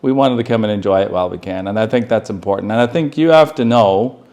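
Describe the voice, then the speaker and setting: Canadian guy in his 50s, retired, relaxed and chatty in an interview. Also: lowish voice, quick pace, lo-fi sound. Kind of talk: casual interview chat.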